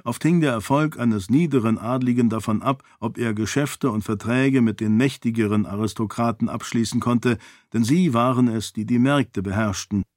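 Male narrator, audiobook, measured delivery, mid pitch, dry recording. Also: a little mellow, no echo. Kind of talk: scripted narration.

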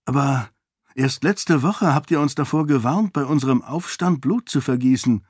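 Male narrator lightly voices a young princess, earnest, questioning, slightly higher. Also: normal speed, a little mellow, breathy edge, no echo, clean studio sound, natural voice. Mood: puzzled.

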